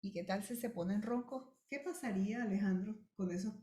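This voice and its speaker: A woman with a Venezuelan accent, a voice specialist explaining vocal strain to listeners in a clear, direct way. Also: mid-range voice, fairly quick, mellow. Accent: Venezuelan Spanish. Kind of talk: explanatory talk. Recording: roomy echo.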